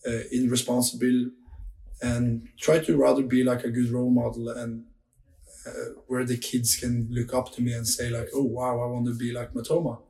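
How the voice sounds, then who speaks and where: A man's voice: mid-range voice, flat delivery, moderate pace, gravelly, mellow, reverberant. A young man from Norway with a Norwegian accent, telling stories casually in an interview, full of "like" fillers and restarts. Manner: loose storytelling with many "like" fillers and restarts. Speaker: interviewed music artist.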